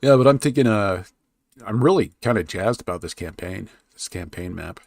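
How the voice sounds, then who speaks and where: A gravel-voiced man with a low register talks to his stream while building a map, alternating quiet self-muttering with louder remarks to chat. His intonation is lively and his pace normal, captured in a close, dry recording with keyboard and mouse clicks in the background.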